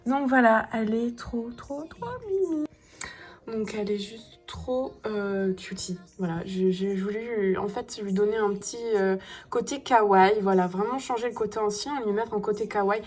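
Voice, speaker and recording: A woman's voice: mid-range voice, steady tone, normal speed, darkish tone, faint music behind. A young woman with a southern French accent chatting casually as she shows off dolls, gushing with lots of fillers. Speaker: doll collector vlogger. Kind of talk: casual show-and-tell vlog.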